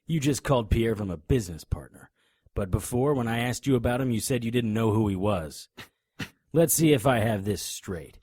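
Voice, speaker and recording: An actor voices a tough, righteous private detective in a hardboiled audio drama, sounding confrontational, accusing and sardonic. His medium-pitched, darkish voice moves at a moderate pace with lively intonation, lightly acted and captured in a clean studio with no echo.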